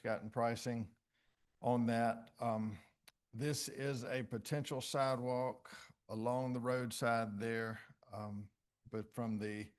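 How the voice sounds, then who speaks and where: A man, a city director, methodically presenting a project report at a public commission meeting with frequent pauses. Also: lowish voice.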